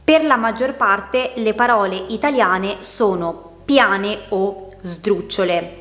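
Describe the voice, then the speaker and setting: A woman gives a patient lesson at an unhurried pace, sounding out each word syllable by syllable. Her voice sits in a middle register. The room around her rings with noticeable echo. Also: mid-range voice, fairly bright tone, soft background music. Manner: spells out words syllable by syllable. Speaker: Italian teacher. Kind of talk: slow, clear explanatory lesson.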